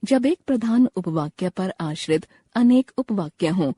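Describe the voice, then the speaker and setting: A woman reading a grammar textbook lesson aloud, slow and explanatory. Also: medium pitch, lively intonation, dark tone, husky, no room sound, clean studio sound. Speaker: textbook narrator.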